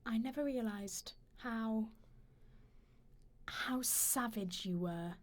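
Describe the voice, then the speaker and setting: In a radio play, a woman with a voice on the high side portrays a wronged older wife who is dignified yet bitter. Wounded and bitter in mood, she delivers her lines in a measured, probing, accusing manner.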